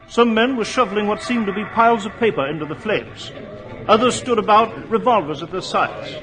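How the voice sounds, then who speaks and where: A man playing an earnest, excitable doctor, a detective's companion, with dramatic delivery in a 1940s radio drama. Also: high-pitched, poor audio. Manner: dramatic, exclamatory. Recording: old 1940s radio recording.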